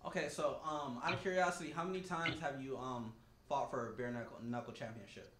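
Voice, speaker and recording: A man's voice: mid-range voice, fairly even intonation, a little fast, crowd noise. A man in his forties hosting a casual podcast interview from a small home studio, upbeat and chatty, repeating himself with lots of fillers. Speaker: podcast host. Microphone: desk mic on a stand. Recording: echoey room with clear background noise.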